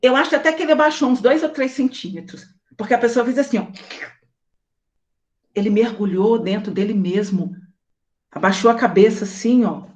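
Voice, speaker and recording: A woman with a Brazilian Portuguese accent speaks casually to her audience, her voice sitting a little on the high side. She tells stories in an animated way and slips into acted dialogue. It is a relaxed, chatty host's delivery. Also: normal speed, pauses often. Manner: animated storytelling, acting out quoted dialogue; married woman recounting daily life. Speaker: host.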